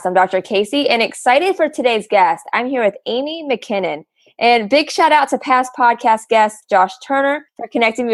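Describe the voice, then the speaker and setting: A woman's voice: medium pitch, no echo. Chatty woman podcast host, dry sound. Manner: chatty, repeats words, many fillers. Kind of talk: casual interview.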